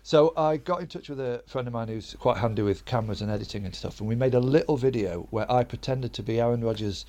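A man's voice: medium pitch, fast, few pauses, mellow. A man from Sheffield, a comedian guest telling a rambling, self-deprecating story in casual chat. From Sheffield, England.

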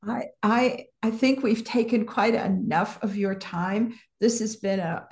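A woman hosting an interview, speaking in a courteous and appreciative way. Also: medium pitch.

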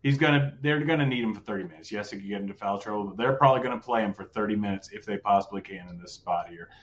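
On a dull-sounding recording, a fairly low-pitched male host talks casually through a live sports betting show. He jokes around and rattles off his picks while his voice grows hoarse.

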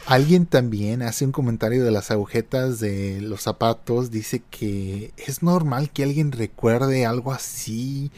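A man's voice: mid-range voice, a little slow, few pauses, mellow. A man hosts a podcast, reading online posts aloud and chatting about them in a conversational way with hesitant fillers. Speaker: podcast host.

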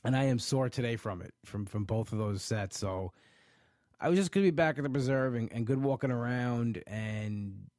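On a casual livestream where he reads out viewer comments, a stuffy-nosed man discusses his weight loss. Allergies have him congested, and he meanders with frequent restarts and repeated "you know"s. His medium-pitched, darkish voice moves at a normal speed, recorded in studio quality with no echo.

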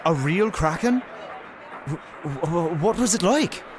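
An actor playing a witty, excitable young male sidekick with a wry, flowery way of talking in an audio drama. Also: fairly high pitch, slow. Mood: admiring. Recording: clear stormy dockside noise behind.

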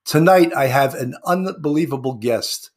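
A man's voice: medium pitch, normal speed, darkish tone. A man with a New York accent hosting a casual, conversational interview show.

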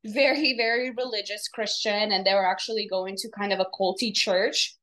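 A young woman with a Russian accent, telling a personal story in a chatty, detailed, conversational way as a podcast guest. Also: mid-range voice. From from Russia or nearby Europe, moved to the United States.

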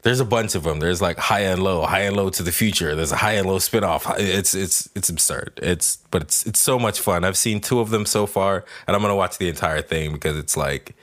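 Deep-voiced bro-ish guy chatting. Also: a little fast, hardly any pauses, fairly bright tone. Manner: bro-ish slangy talk full of "bro", "dude" and swearing. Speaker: podcast co-host. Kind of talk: casual chat, slangy.

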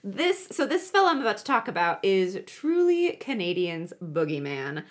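A woman works as a true crime narrator and podcast host, with a widely swinging, lively pitch. She tells the case conversationally, slipping in chatty, jokey asides. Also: normal speed.

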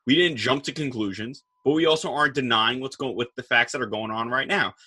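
Husky, bright-voiced male talk host. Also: medium pitch, a little fast. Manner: animated, retells quarrels in quoted voices. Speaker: show host. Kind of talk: political talk show chat.

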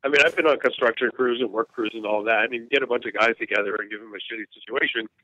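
Rapid-fire, with a mid-range voice and a bright, forceful tone, an American war journalist in his fifties recounts his story in an interview. He's frank and earnest and keeps restarting sentences; the phone-line audio is tinny, dry, and echo-free.

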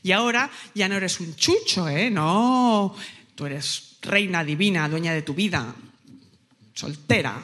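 A woman hosting a live comedy podcast on stage, talking in a lively, mocking way. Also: fairly low pitch, measured pace. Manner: lively, mocking, mimics others in quotes. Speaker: podcast host. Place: live stage before an audience. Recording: long hall reverb.

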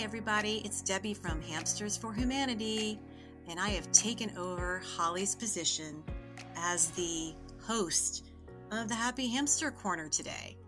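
A woman taking over as interviewer, playful and joking in casual chat. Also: fairly low pitch. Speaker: guest interviewer.

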